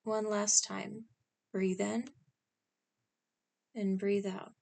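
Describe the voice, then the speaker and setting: Here a woman delivers a scripted guided meditation extremely slowly, her mid-range voice creaky. She instructs calmly, in brief phrases separated by gaps.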